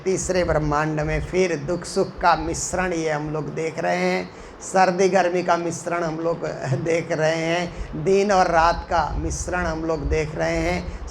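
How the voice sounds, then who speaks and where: High-voiced man giving a spiritual discourse. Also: slight background noise. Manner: chants verses slowly then explains them in flowing repetitive phrases. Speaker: religious teacher. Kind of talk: spiritual discourse explaining scripture. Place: Mumbai.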